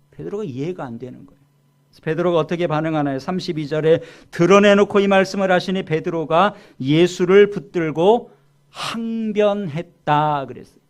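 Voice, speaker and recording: A male pastor delivers a sermon in a church, his voice sitting a little high. He rises to loud, emphatic lines and drops to low, quiet asides. He slows right down on key words and puts questions to the congregation. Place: church sanctuary.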